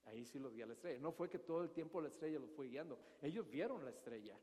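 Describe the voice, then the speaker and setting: A man's voice: a little high, animated, fast talker, darkish tone. A man giving a Bible teaching sermon, often asking his listeners questions and acting out the scene. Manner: asks the audience questions and acts out scenes. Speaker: preacher. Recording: long hall reverb.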